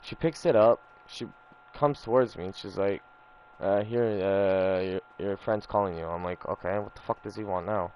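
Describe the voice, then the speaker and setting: A man's voice: lowish voice, moderate pace, lo-fi sound, slight background noise. A young man telling a personal story in casual, rambling chat over gameplay, swearing often and filling with "you know" and "like". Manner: rambling, profane, repeats himself with lots of fillers. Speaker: gaming streamer.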